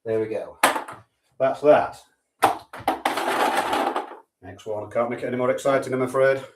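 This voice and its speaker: A man's voice: mid-range voice, fairly even intonation, moderate pace, far from the mic, heavy background noise. A man hosting a sweepstake draw in a casual, chatty way with dry, offhand humour. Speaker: sweepstake host. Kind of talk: casual live draw commentary. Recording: echoey room, voice off-mic.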